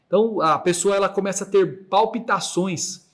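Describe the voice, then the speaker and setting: A man's voice: high-pitched, normal speed, a bit bright. A man with a Mato Grosso Brazilian accent hosting a casual podcast chat, hesitant, with many restarts, imitating heartbeat sounds as he explains. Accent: Brazilian Portuguese, Mato Grosso. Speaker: podcast host. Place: room without air conditioning.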